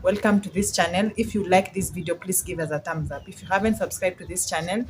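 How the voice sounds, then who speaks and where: A woman's voice: fairly low pitch, fast talker, noisy background. A woman with a Kenyan accent hosting a casual video chat, feeling her way through her phrases. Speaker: channel host.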